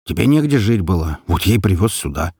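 A man voicing a young male lover who gives flat, calm, curt replies in an audiobook story. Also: sits low, fairly quick, breathy edge, dry recording, clean studio sound, exaggerated voice. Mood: cold.

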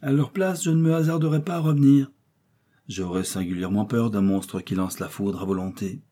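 Man reading an eager, devoted manservant for an audiobook: lively replies over a low, husky voice. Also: fairly quick, close to an everyday voice. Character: eager loyal male servant, cheerful.

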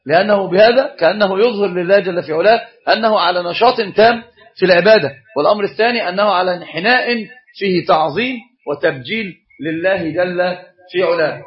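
Man teaching a religious class, high voice, fast, quizzes the room, muffled lo-fi sound. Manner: animated, asks questions to the class and answers them. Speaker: Islamic scholar teaching a course. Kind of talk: religious lesson. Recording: dull lo-fi recording.

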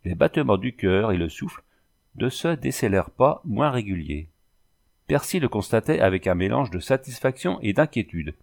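A man narrating a literary audiobook in an expressive, animated reading. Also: fairly low pitch, moderate pace, creaky.

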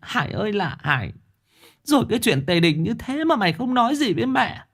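A male storyteller voicing a frantic, worried middle-aged village mother who stammers and pleads in a raised, high voice. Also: very animated, moderate pace, a little mellow. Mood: panicked.

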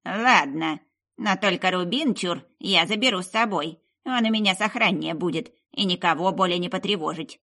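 A woman's voice: fairly low pitch, moderate pace, sharp tone. A woman reader voicing a fussy, bossy old witch in an audiobook, with a scolding, folksy grumble. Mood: grumbling. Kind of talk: audiobook character voice.

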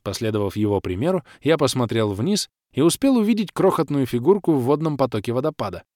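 A man narrating a first-person fantasy audiobook in an expressive, animated way. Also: medium pitch, fast talker, dry recording, studio quality.

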